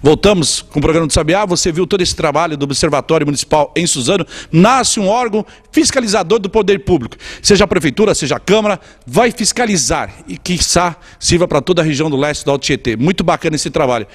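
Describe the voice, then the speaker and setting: A man hosting a community TV program, interviewing a guest and signing off in a lively presenter manner. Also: a little high, fast talker, hardly any pauses, big-room sound. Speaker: TV show host. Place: community TV studio.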